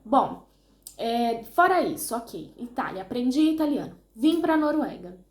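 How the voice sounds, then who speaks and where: A woman's voice: fairly high pitch, big pitch swings, measured pace, echoey room. A Brazilian woman with a Brazilian Portuguese accent, chatting casually and self-deprecatingly to her viewers, often restarting her sentences. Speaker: vlogger. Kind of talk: casual chat to camera.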